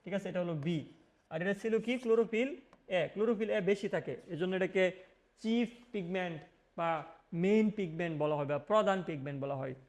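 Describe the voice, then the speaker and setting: Man, biology teacher, high voice, repeats key terms, asks and answers his own questions. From Mymensingh, Bangladesh. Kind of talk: classroom lecture.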